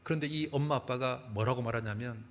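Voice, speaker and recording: A male pastor telling stories in a sermon, with animated delivery and dramatic pauses. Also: medium pitch. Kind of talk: sermon storytelling.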